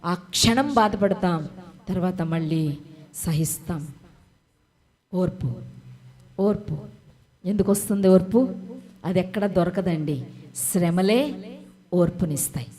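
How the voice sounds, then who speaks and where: A woman's voice: fairly low pitch, slow pace, long pauses, dark tone. A woman preaching a sermon with emphatic rhetorical questions and repetition, speaking straight to her listeners. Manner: talks straight to listeners by name.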